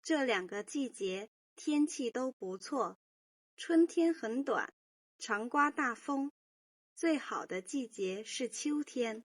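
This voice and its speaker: Language-course voice, a woman reading: slow, clear, dry, fairly high. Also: animated, dry recording. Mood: plain. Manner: slow, careful, clearly articulated. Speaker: speaker in a textbook audio dialogue. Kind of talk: scripted language-course dialogue.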